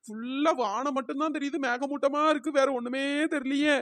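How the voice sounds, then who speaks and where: A voice actor playing a feisty, quarrelsome old village woman in a cartoon, speaking in a pitch-raised cartoon voice, wailing and scolding dramatically. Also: fairly even intonation, brisk, a bit bright, no echo. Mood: dazed, frightened.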